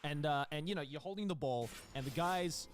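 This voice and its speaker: A young man telling a story in casual chat, animated and swearing freely. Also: on the high side, fairly quick, background noise. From Australia. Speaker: streamer. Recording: music playing behind.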